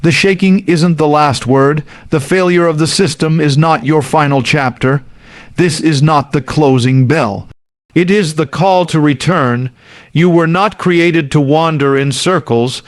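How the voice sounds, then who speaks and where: A man's voice: on the high side, unhurried, no room sound, studio quality. A man delivering a scripted motivational sermon as a preacher, urgently exhorting in short, punchy, repeated phrases.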